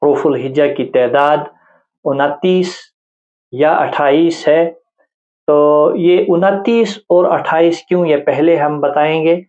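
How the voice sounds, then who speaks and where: A man teaching a reading lesson for beginners, explaining patiently and repeating each letter sound slowly. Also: on the high side, a little mellow, highs cut off. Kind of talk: spoken lesson with slow drawn-out example sounds.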